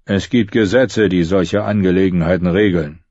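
Man doing a stubborn old guy, gruff and firm, low husky voice, slightly dull audio. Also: steady tone, normal speed, a little mellow, dry recording.

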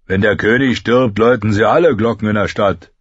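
Gruff fat cook-shop guy, read by a man, slow and scolding, low husky voice. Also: no room sound, dull audio.

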